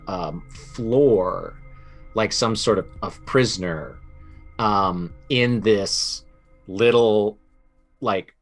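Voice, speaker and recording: A man running a tabletop game as game master, describing scenes in a halting way full of ums and restarts. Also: on the low side, a bit bright.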